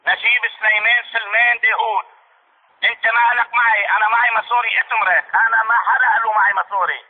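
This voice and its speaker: A man's voice: high-pitched, steady tone, fast talker. A man with a Lebanese accent putting on a hot-tempered, foul-mouthed man in a prank phone call, repeating himself and hurling insults. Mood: insistent. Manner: repetitive, insistent, hurling insults. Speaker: prank caller. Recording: tinny phone line.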